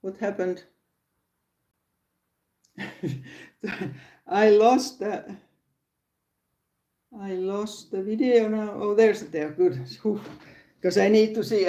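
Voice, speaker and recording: Hosting a laid-back crochet livestream from her phone, an older woman from Finland with a Finnish accent laughs a lot and often restarts sentences. Her mellow, medium-pitched voice is slow with frequent pauses, in an echoey room.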